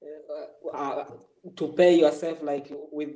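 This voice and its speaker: A man interviewing someone in a casual chat, halting and repeating phrases as he puts his questions. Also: on the high side, level tone, dark tone. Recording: roomy echo, far from the mic.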